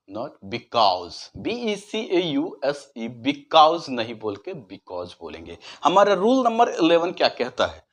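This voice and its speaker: A man whose first language is Hindi, teaching English pronunciation, spelling words out letter by letter and then saying them slowly. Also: on the high side. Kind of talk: explaining spelling and pronunciation lesson.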